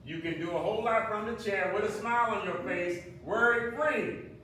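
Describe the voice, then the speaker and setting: A man's voice: high-pitched, normal speed, sharp tone. A man giving an informal, plain-spoken fitness explanation to an exercise class, often checking in with the group. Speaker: group exercise instructor for seniors. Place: large echoey indoor room at a senior center. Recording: echoey room, distant mic, faint noise.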